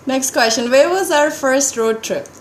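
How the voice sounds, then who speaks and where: A woman's voice: high voice, measured pace, a little hiss or hum. A young woman from India, chatting casually with her husband and teasing him. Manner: chatty, teasing, laughs often. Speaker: co-host of a couple's livestream. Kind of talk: casual chat.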